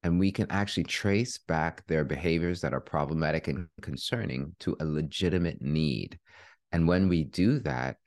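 A man as a parenting expert guest, explaining in a calm, measured way during an interview. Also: a bass voice, no echo, studio quality. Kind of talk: interview answers.

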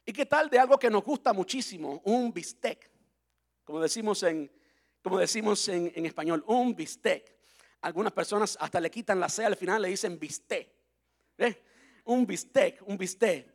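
A man preaching a relaxed sermon, his voice sitting notably high for a man. He talks in a chatty, playful way, stopping to spell words out letter by letter. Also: normal speed. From Cuba. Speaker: pastor.

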